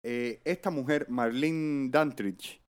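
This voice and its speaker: A man co-hosting a casual podcast, talking fast and excitedly. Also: mid-range voice, smooth. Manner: rapid, excitable, says "papá" a lot. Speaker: podcast co-host. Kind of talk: casual chat.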